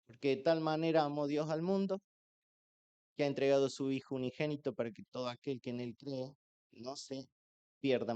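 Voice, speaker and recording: A man's voice: on the high side, dark tone, smooth, highs cut off. A man, a pastor with a Rioplatense Spanish accent, sharing an earnest, emotional personal testimony in church.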